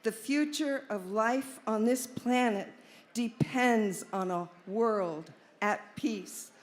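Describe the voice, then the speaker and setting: A woman reading out a fiery revolutionary speech on a live stage, declamatory and rousing. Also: medium pitch. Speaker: speaker reading a statement at an event.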